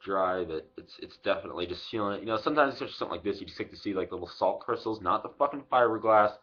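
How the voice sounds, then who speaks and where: Low-voiced young man, lip full of dip. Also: rapid-fire, a bit bright. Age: 20s. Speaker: product reviewer vlogger. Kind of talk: casual unscripted product review, swearing freely. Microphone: webcam microphone at arm's length. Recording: dull lo-fi webcam audio.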